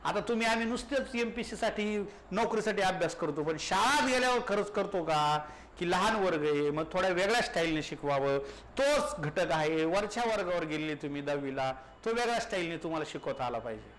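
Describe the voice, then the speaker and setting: A man's voice: high voice, animated, a little fast, a bit bright. A male teacher giving an exam-prep lecture, explaining step by step and answering his own questions.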